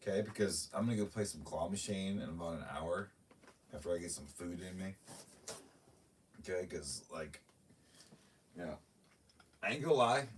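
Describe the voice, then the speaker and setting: A man's voice: low voice, expressive, moderate pace, pauses often, distant mic, slight background noise. A middle-aged man ranting casually on a live stream, talking to his viewers and his cats. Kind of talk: rambling live-stream chat.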